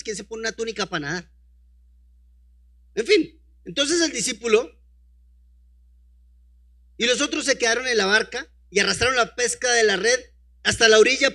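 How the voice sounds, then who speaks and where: A male preacher with a high, bright, ringing voice delivers a sermon. He reads scripture aloud and keeps breaking off to fire rhetorical questions at his listeners, then calls for the next slide. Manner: peppers reading with rhetorical questions to the congregation; calls out to a helper to advance the slides.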